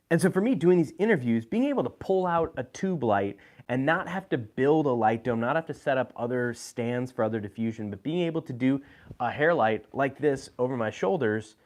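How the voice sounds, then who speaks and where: Casual man rambling about gear. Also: mid-range voice. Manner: casual, rambling with fillers and restarts. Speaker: host. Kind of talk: live video gear talk. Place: indoor room with lights.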